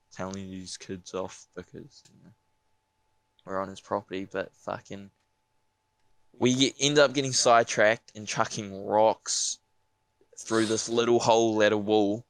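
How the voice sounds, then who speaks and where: A young guy with a broad Kiwi accent tells a casual story in slangy, sweary talk. His voice sits fairly low and is clean and smooth. The recording is close and dry, and his delivery is laid-back. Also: dry recording, low-quality recording. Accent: broad New Zealand. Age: young adult. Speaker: podcast speaker.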